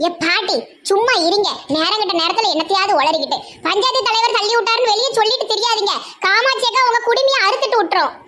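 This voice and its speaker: Bright, high-voiced Tirunelveli Tamil woman. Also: fast talker, few pauses, slight background noise. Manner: dramatic, scolding and lively. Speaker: comedy sketch actor. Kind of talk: village comedy skit.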